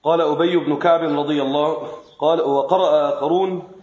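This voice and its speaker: A man reading a classical commentary aloud to his teacher in a steady recitation. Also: a little high, brisk, reverberant, dull audio. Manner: steady recitation with small restarts.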